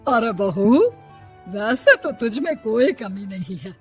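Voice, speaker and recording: A woman's voice: medium pitch, animated, slow, husky, faint music behind. A woman voicing a fussy, nagging middle-aged mother-in-law in a cartoon, scolding and complaining. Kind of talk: cartoon voice acting.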